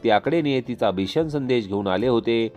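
A man narrating an epic tale in a measured, dramatic reading. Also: medium pitch, animated. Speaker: storyteller. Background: soft instrumental music.

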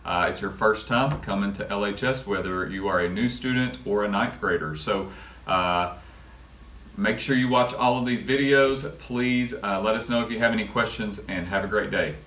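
A man in his thirties talks to students in a relaxed, friendly way, with a few "uh" fillers between phrases. His voice sits fairly low. The office around him gives it a roomy echo, and he sounds a little off-mic. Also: normal speed, recorded from a distance. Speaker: school administrator. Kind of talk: casual video announcement. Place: school office, indoors.

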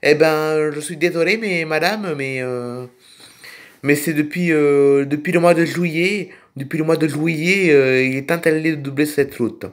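A man's voice: fairly high pitch, measured pace, natural voice. A man doing a stammering tractor driver with an odd accent. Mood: insistent, apologetic. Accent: put-on odd accent. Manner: hesitant, stumbling with many fillers. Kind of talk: toy figure film role-play.

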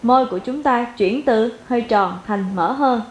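A woman with a Vietnamese accent teaching English pronunciation, repeating each word slowly and deliberately for practice. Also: fairly high pitch. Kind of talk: pronunciation lesson. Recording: echoey room with faint noise.

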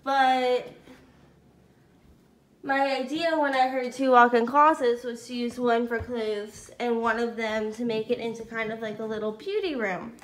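Echoey, empty rooms and faint hiss surround a young vlogger in her twenties giving a casual tour of her new apartment, its walls still bare. Recording on a handheld phone, she talks a little slowly in a fairly high voice, staying chatty and upbeat and saying "cute little" a lot.

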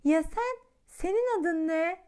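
A woman's voice: slow pace, a little mellow. A woman voicing a lazy, curious little boy dinosaur in a children's storybook, sounding surprised. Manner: high and surprised when voicing him.

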